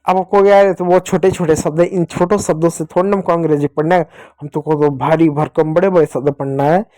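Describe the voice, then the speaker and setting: Speaking a little fast with fairly even intonation, the young man has a slightly high, slightly mellow voice and no room sound around it. He's leading children through a classroom-style English phonics lesson, answering his own questions and repeating the main points.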